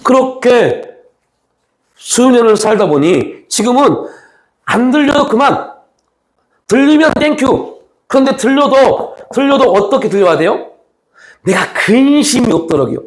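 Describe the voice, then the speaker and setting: A man preaching a sermon as a pastor, moving between raised, pressing appeals and low, hushed lines. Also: big pitch swings, measured pace. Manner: acts out quoted speech of Jesus and the young man.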